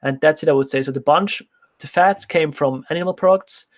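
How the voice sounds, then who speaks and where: A young man, not a native English speaker and a French speaker as a second language, hosts an informal livestream Q&A as a nutrition coach. His voice is a little high and brisk as he casually answers viewer questions.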